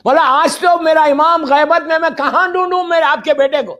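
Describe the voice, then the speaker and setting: A man preaching a religious sermon. He moves from hushed storytelling to loud, pleading exhortation and mixes English words into his speech. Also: very high voice, steady tone.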